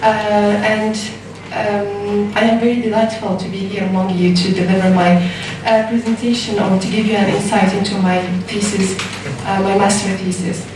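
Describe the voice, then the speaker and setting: A young woman in her twenties with a North African, giving a halting, formal academic presentation. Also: medium pitch, little pitch movement. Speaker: student presenter. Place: indoor seminar room, far from mic. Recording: very echoey room, distant mic, noisy.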